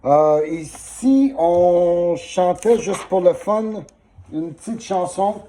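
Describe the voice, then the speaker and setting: A man teaches a one-on-one singing lesson, patiently walking a student through vowels. His voice sits fairly high but sounds mellow, and he speaks very slowly. A sore throat makes him cough and clear his throat often. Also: a little hiss or hum. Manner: patient, instructive, demonstrating vowels.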